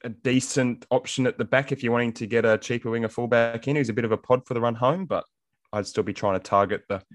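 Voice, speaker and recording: A man's voice: medium pitch, fairly even intonation, quick pace, dry recording, clean studio sound. An Australian man giving casual fantasy sports analysis as a panellist on a rugby league show.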